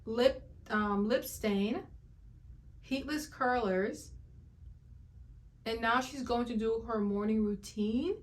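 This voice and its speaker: A woman with a fairly high voice reacts to skincare videos in an emphatic, disbelieving way. She repeats her points for effect and laughs often as she comments. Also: slow, long pauses.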